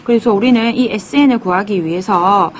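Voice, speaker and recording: A woman's voice: medium pitch, fairly quick, slight background noise. Woman teacher walking through a math lesson. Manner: calls herself teacher, asks and answers her own questions. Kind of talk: step-by-step lecture.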